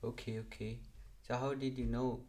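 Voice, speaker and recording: A man's voice: medium pitch, normal speed, echoey room. A young man from Nepal live-streaming a football video game, chatting casually with viewers and friends. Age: young adult. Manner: chatty, greets viewers, gets loud and excited. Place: home room, live gaming stream.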